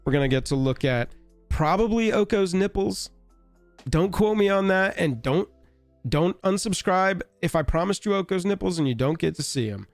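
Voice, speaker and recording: A man with a raspy, hoarse voice from being sick, hosting a casual live stream in a rambling, wry, offhand way. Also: high-pitched, animated, moderate pace, no echo, soft background music.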